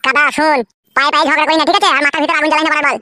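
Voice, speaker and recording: A woman acts a brash, rude part in a comic family sketch. Her voice is high and she fires off lines fast. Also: fairly even intonation, pushed and bright.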